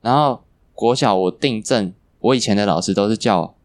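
A young man, chatting casually and telling animated stories, laughing often and swearing casually. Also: lowish voice, normal speed. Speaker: podcast guest. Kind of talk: casual chat. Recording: poor quality recording.

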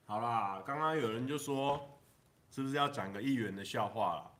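A man with a Taiwanese Mandarin accent, casually chatting to a live stream audience. His voice is bright and forward, sitting at a middle pitch. He meanders through jokes, stretching his sentence endings and laughing at his own punchlines. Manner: rambling, drawn-out sentence-final particles, chuckles at his own jokes. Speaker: livestreamer. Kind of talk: casual livestream chat telling jokes.

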